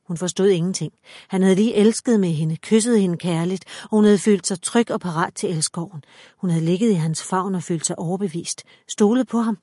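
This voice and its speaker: A woman reading a dark story aloud in measured, dramatic scripted audiobook narration. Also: on the low side, no room sound, studio quality.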